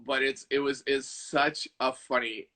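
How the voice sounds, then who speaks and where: A man's voice: medium pitch, fairly even intonation, bright, forceful tone. A man, a golf coach, chatting enthusiastically over a live video call. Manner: enthusiastic, quick to react. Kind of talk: casual chat. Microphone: live video chat.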